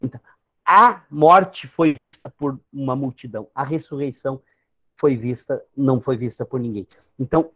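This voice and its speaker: A man with a Brazilian Portuguese accent, a pastor giving an informal, joking sermon talk with conversational asides. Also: mid-range voice.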